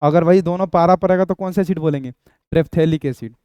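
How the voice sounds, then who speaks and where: बिहारी लहजे वाला चंचल रसायन शिक्षक. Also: male voice, a little high, brisk, warm tone, clear, resonant tone, dry recording, highs cut off. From Bihar. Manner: playful, banters with imagined students, sings a snatch. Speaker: chemistry teacher. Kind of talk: exam-prep lecture.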